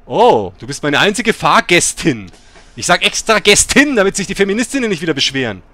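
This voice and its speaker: A man's voice: sits high, sing-song, a little fast, pushed and bright. A middle-aged man hosting a bus simulator let's play, chatting and breaking into sudden swearing rants. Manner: swears and rants in angry outbursts.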